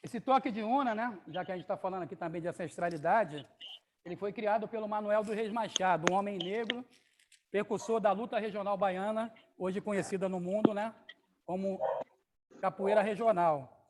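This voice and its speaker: A man's voice: high-pitched, moderate pace, background noise. A man, a capoeira master, reading a children's story aloud and stopping to explain things to his audience.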